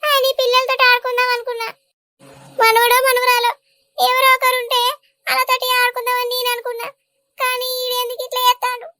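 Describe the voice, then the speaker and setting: A woman voicing an emotional older village mother in a cartoon, pleading dramatically in a high-pitched voice. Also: fairly even intonation, fairly quick, long pauses, sharp tone, no room sound, studio quality. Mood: despairing. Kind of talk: Telugu cartoon dubbing.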